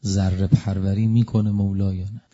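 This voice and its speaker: A man preaching a devotional sermon through a story, emotive, swinging from loud exclamations to hushed asides. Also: low-pitched, level tone, dull audio.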